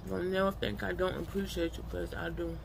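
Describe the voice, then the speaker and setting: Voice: medium pitch, little pitch movement, brisk, creaky, noisy background. A person chatting casually and colloquially to followers while eating, talking with a mouth full of food. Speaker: vlogger.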